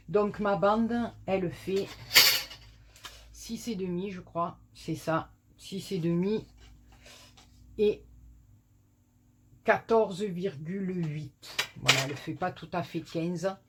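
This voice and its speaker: A woman's voice: lowish voice, takes it slowly, long pauses, very noisy. A woman from southern France hosting a chatty card-making tutorial at a small home desk, rambling and self-mocking with many fillers. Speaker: crafting channel host. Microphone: camera on tripod.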